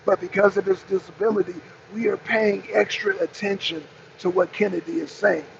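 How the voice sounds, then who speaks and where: Speaking in a high, raspy, fry-laden voice with an American accent, a man hosts a show of unscripted political commentary, driving key phrases home through repetition. His intonation is fairly even and his speed normal. The dull-sounding audio carries noticeable noise, including a crowd.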